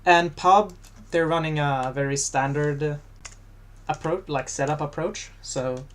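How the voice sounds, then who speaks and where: A man's voice: a little high, measured pace, a bit bright, slight background noise. A man casting a video game match, chatty and jokey, lifting his voice when fights break out. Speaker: esports commentator. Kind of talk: casual game commentary.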